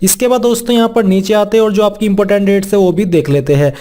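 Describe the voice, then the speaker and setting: Speaking fast in a warm, high-pitched voice, this man presents a job vacancy explainer as an informal instructional walkthrough. He reads out formal wording and puts it plainly afterward.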